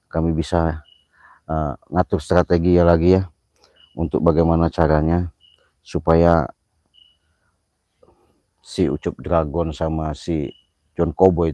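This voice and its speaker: Man on a night ghost hunt, very deep voice, dry close sound, yells at spirits, mutters prayers. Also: dry recording, highs cut off. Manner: shouts challenges at spirits, muttered prayers between. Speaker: paranormal vlogger. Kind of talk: live-streamed night ghost-hunting vlog. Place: outdoors on a hillside near a ravine at night.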